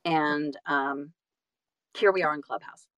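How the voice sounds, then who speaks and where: Speaking slowly in a low voice, a woman appears as a guest in a casual interview, where she works as an audiobook narrator and actor. She's earnest and effusive, expressive throughout, and keeps slipping into small acted-out quotes and asides.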